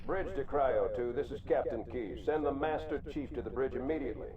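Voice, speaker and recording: An actor playing a grave, dutiful starship captain in a video game, authoritative and giving clipped orders. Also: male voice, mid-range voice, brisk, dull audio, heavy background noise, lightly acted. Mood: commanding. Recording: loud music behind the voice.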